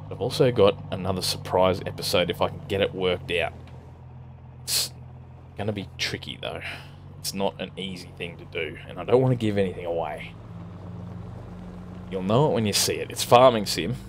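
A low-pitched male voice comes through with slight background noise. He's an Australian gaming streamer doing casual let's-play commentary while driving in a farming game, rambling to viewers and swearing freely.

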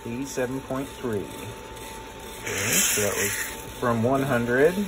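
A man's voice: mid-range voice, takes it slowly, very noisy. A man teaching coffee roasting in a casual live demonstration, thinking aloud and reading numbers off as he works. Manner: thinking aloud, talks through numbers while working.

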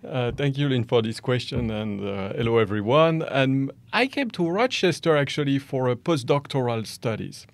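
Hardly pausing, a company founder from France in his forties speaks at a moderate pace in a medium-pitched voice with vocal fry. He's a podcast guest seated in an armchair in a small dark studio, using a studio mic on a boom stand. Animated and French-accented, he gestures with both hands and uses hesitant fillers. The recording is dry.

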